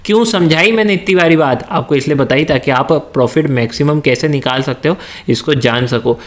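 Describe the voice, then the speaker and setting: A man's voice: a little high, moderate pace. A male teacher giving a lecture, asking his students questions and answering them himself, mixing English terms into his speech. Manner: slips into Hindi-English mix. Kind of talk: classroom lecture.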